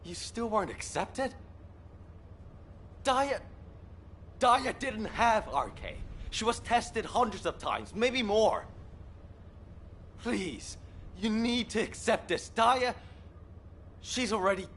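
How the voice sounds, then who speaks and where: A man's voice: high-pitched, animated, slow, long pauses, a bit bright, a little hiss or hum, exaggerated voice. An actor playing an anguished young man in a video game, pleading with his captain in an exasperated, emotional way. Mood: distressed. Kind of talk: dramatic video game voice acting. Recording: music playing behind.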